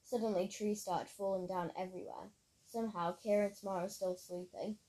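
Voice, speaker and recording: A woman's voice: medium pitch, fairly even intonation, a little fast, mellow, poor audio. A woman reading her own story aloud in a plain storytelling manner, with occasional slips. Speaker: narrator.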